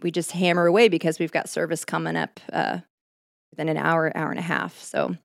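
A woman with a fairly low, gravelly voice chats as a podcast guest and worship leader. She tells her stories quickly and breaks into laughter often. Her voice is dry and close-miked. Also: little pitch movement, no room sound. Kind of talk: casual podcast conversation.

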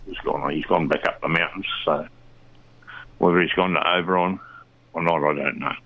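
A man's voice: extremely low pitch, steady tone, moderate pace, vocal fry. An Australian man giving a fishing report in casual radio chat, rambling with lots of fillers and restarts. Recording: dull lo-fi line.

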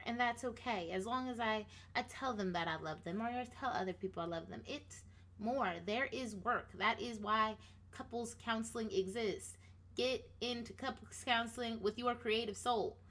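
Slow-talking woman, rambling and sassy. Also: mid-range voice, a bit bright. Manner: rambling, many fillers and restarts; playfully sassy. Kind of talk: casual motivational monologue.

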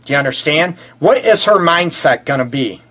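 A man's voice: fairly high pitch, lively intonation, normal speed, fairly bright tone. A middle-aged man hosting a relationship talk show from his office, joking and teasing his guest as he talks. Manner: joking, teasing, self-described smart aleck. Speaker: relationship counselor and show host. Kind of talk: casual talk show interview.

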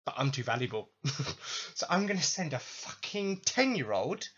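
A man voicing a smug, condescending champion trainer who talks in clipped, broken grammar in a high put-on voice. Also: big pitch swings, normal speed, a bit bright, husky, lo-fi sound.

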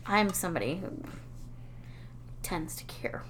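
A woman's voice: lowish voice, animated, a little slow, slight background noise. A woman in her thirties co-hosting a casual podcast chat, candid and self-mocking, swearing freely. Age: 30s. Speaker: podcast co-host.

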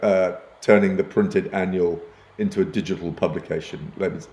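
Older man, podcast guest, low voice, roomy echo, self-deprecating, many restarts. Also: fairly even intonation, fairly quick, mellow. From Uganda and Kenya. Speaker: podcast guest, advertising executive. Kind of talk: conversational interview.

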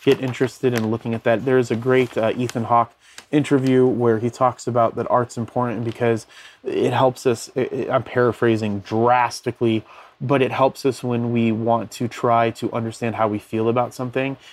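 A man's voice: medium pitch, level tone, moderate pace. A man hosting a casual lo-fi podcast, rambling loosely with many fillers as he talks from his bed at home. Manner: rambling, many fillers, looks things up mid-talk. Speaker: podcast host.

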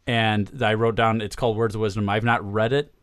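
A man's voice: on the low side, little pitch movement, fairly quick, a bit bright, clear, resonant tone, dry recording. A man hosting a casual, joking podcast, rambling and hesitant as he goes. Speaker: podcast host.

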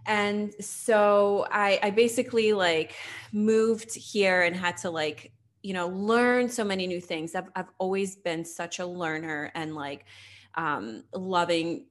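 A woman's voice: lowish voice, slow. A woman in her thirties from Slovakia, a podcast host and health coach, chatting casually in an interview with lots of filler words. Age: 30s. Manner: chatty, many fillers like "like" and "you know".

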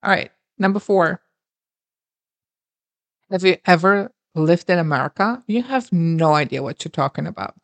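A woman co-hosting a casual chat podcast from Germany, chatty and quick to laugh. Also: on the low side, creaky, no room sound. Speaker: podcast co-host.

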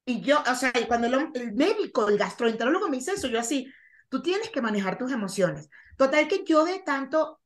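A woman talking as a guest on a podcast over a video call, telling her story in an expressive, frank way. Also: high-pitched, brisk. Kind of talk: casual conversation on a video call.

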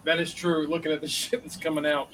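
A man co-hosting a podcast, recapping news casually and haltingly, with frequent ums. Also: on the high side, little pitch movement, fairly bright tone, low-quality recording. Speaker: podcast producer and co-host.

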